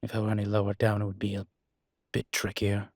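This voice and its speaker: In an intimate roleplay audio drama, a man plays a weary, guarded winged demon, speaking in a husky, breathy voice with dry, halting phrasing. His voice is on the low side, monotone and a little mellow, with no echo.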